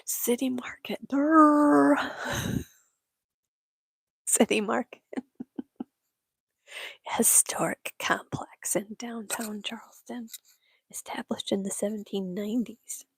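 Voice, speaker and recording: A woman's voice: mid-range voice, steady tone, slow pace, creaky, long pauses, slightly rough, dry recording. A woman whispering through a casual Q&A chat, rambling and giggling at herself. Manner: rambling, giggly, self-mocking. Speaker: channel host answering viewer questions.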